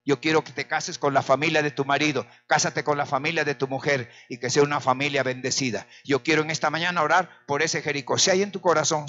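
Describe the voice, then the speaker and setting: Hoarse male pastor preaching in a church, bright edgy voice, swings from shouts to hushed bits, muffled lo-fi recording w/ faint hum. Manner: impassioned, swinging between loud cries and quiet, low remarks. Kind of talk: sermon.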